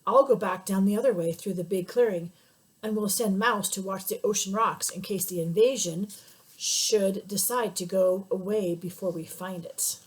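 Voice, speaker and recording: A woman's voice: mid-range voice, normal speed, breathy edge, lightly acted, low-quality recording. A woman voicing a suspicious, bossy male wild boar in a storybook. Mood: stern.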